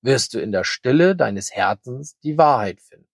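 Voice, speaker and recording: A very old grey hare, calm, kind and wise, speaks gently in a children's story, as a man reads him. The voice is husky and dry, with a lively, rising and falling melody. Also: mid-range voice, normal speed, no echo. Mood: gentle.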